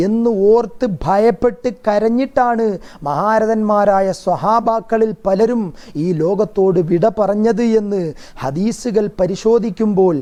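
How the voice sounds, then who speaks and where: A man's voice: high-pitched, darkish tone. A man preaching a Ramadan sermon, earnest and rhetorical, acting out quoted dialogue.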